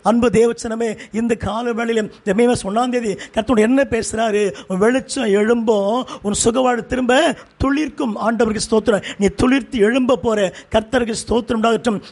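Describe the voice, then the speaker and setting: A man's voice: very high voice, fairly even intonation, brisk, darkish tone. A man preaching a fervent sermon in short repeated phrases as pastor, with a Tamil accent.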